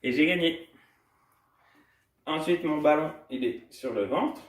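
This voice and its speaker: Speaking at a measured pace in a fairly high voice, a man instructs small children in a home baby gym class. His delivery is cheerful and sing-song as he shows them the moves. The mic picks him up from a distance in an echoey room.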